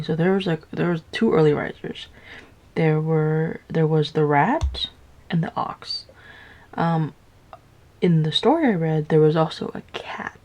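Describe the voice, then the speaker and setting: A young woman casually retelling a story while building Legos, rambling with lots of filler words and high, playful voices for the characters. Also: a little mellow. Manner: rambling, filler-heavy, with "like" everywhere. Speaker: vlogger.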